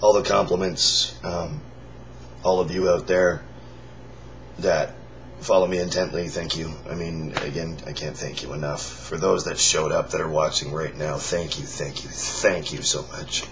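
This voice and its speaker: A tired man who has lost his voice, forcing out a raspy, whispery croak in halting, rambling casual chat to his viewers. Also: a bass voice, fairly even intonation. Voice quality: raspy, breathy whisper-like hoarseness. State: lost voice, forcing air through a strained throat. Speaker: singer in a band, vlogger. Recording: dull lo-fi sound with faint noise.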